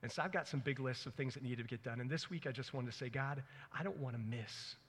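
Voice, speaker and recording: A man in his forties preaches a sermon in an earnest, conversational style, weaving in personal stories and dramatizing his own thoughts. His mid-range voice is slightly rough and fast, and the echoey hall adds long reverb.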